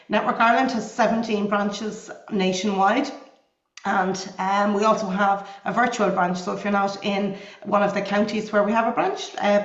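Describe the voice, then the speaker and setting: A woman with a croaky voice presenting as programme manager in an online webinar, in a welcoming manner. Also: medium pitch, roomy sound, lo-fi sound. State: croaky voice from air conditioning.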